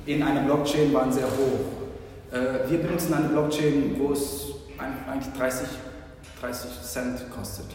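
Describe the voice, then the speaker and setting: A man's voice: medium pitch, fairly even intonation, moderate pace, darkish tone, a little hiss or hum. Middle-aged man in an echoey hall. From Germany and the Philippines. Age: 40s. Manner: hesitant, many fillers and restarts. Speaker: interviewed artist. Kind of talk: casual interview answers. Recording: echoey hall, mic at a distance.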